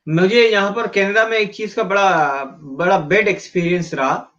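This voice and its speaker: A man with a high voice tells a story in easy conversational speech, filling his pauses often. He sounds set back from the mic, and the audio is dull and lo-fi, like an online call. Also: fairly even intonation, a bit bright, recorded from a distance. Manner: tells a personal anecdote conversationally, with fillers. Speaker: discussion partner.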